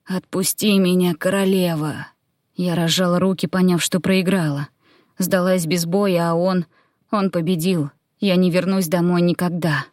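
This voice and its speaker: Low-voiced woman narrating an audiobook. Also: darkish tone, dry recording, clean studio sound. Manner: tense, dramatic storytelling. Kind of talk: first-person audiobook narration.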